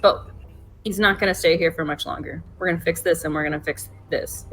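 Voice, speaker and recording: A woman's voice: fairly low pitch, steady tone, fairly quick, fairly bright tone, soft background music, natural voice. A woman voicing a resolute female adventurer with a firm, determined manner, over a remote call microphone.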